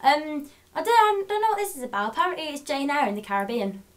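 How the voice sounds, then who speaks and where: A young woman chatting casually as a book vlogger, bubbly and quick to laugh. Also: high voice, big pitch swings. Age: young adult. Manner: bubbly, laughs often, trails off. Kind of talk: casual chat.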